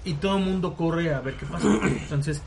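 A man with a Mexican accent telling a story in casual chat, relaxed and slangy, acting out quoted dialogue. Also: fairly high pitch, normal speed, gravelly, over a noisy crowd.

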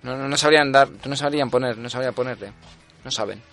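A man's voice: medium pitch, quick pace, a bit bright, faint music behind. A man co-hosting an improvised comedy podcast, rambling in a mock-pedantic way and stalling with questions. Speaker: podcast co-host.

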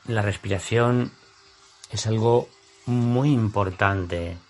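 Slow, soothing male yoga teacher from Spain. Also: on the low side. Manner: soothing, unhurried, deliberate phrasing with pauses. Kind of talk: guided yoga class instruction.

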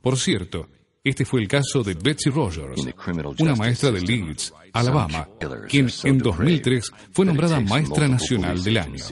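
A man reading a self-help audiobook in a measured, deliberate way. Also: mid-range voice. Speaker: audiobook narrator. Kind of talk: scripted self-help narration. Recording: long reverb.

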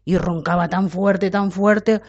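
A woman telling a children's story in an expressive, playful way. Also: mid-range voice, slow pace. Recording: dull lo-fi recording.

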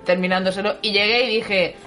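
A woman's voice: medium pitch, brisk, soft background music. Chatty woman telling stories. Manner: chatty, animated anecdotes. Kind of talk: casual chat, storytelling.

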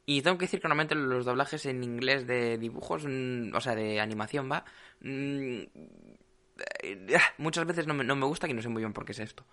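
A man's voice: medium pitch, normal speed, fairly bright tone. A man, co-hosting a podcast in casual chat, rambling with lots of fillers and restarts.

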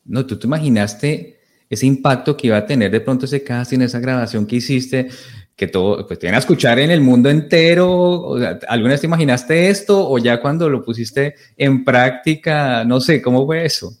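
A man's voice: medium pitch, moderate pace. A man from Colombia with a Colombian accent, hosting an interview and asking friendly, curious questions. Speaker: interview host. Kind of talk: casual interview chat.

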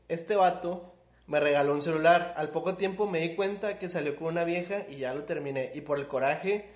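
High-voiced slangy Mexican man. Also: reverberant, muffled recording. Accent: Mexican Spanish. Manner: excitable slangy questioning. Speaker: podcast co-host. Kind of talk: casual podcast chat.

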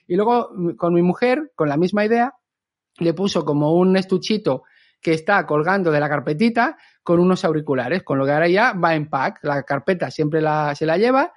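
High-voiced chatty man. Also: moderate pace. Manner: lively, chatty, acts out quotes. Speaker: communicator and trainer. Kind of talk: podcast storytelling talk.

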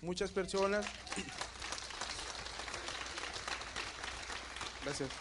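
A young man with a Bogotá Colombian Spanish accent, giving a motivational talk and telling a story with animated energy, often asking the audience questions. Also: on the high side, background noise. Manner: animated storytelling, asks the audience questions, laughs at his own jokes. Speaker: motivational speaker.

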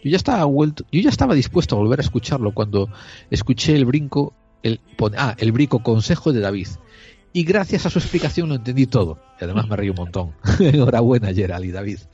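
A man co-hosting a casual Spanish podcast chat, telling stories in a lively way and laughing often. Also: mid-range voice, fast talker, husky. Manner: animated storyteller, laughs often. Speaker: podcast co-host. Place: abroad, at a Galician club in Astoria. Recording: dull lo-fi audio with faint music.

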